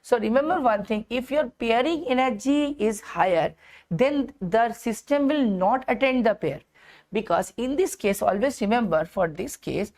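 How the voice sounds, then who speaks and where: A woman's voice: a little high, lively intonation, moderate pace, a little mellow. A woman with an Indian accent giving an instructional chemistry lesson, mixing Hindi phrases into English and repeating phrases and rhetorical questions for emphasis. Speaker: chemistry teacher.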